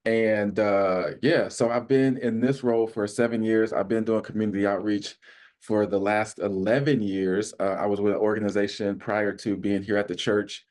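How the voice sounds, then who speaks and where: Enthusiastic low-voiced man from Arizona. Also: little pitch movement, normal speed, a little mellow. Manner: enthusiastic, storytelling, exclamatory. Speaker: community minister. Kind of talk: casual podcast chat.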